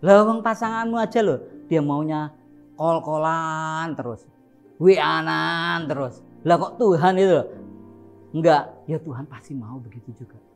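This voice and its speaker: A man preaching a lively, joking sermon, playfully acting out shouted prayers. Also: a little high, a little slow, gravelly, soft background music. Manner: animated, jokes and laughs, acts out shouted prayers.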